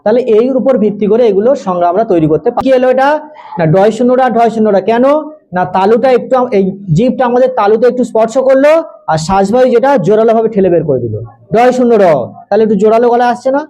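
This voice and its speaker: Male tutor, high and soft-toned, patient explainer who dictates definitions slowly. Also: highs cut off. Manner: explains step by step, repeats key terms and checks students' understanding. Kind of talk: Bengali grammar lesson for students.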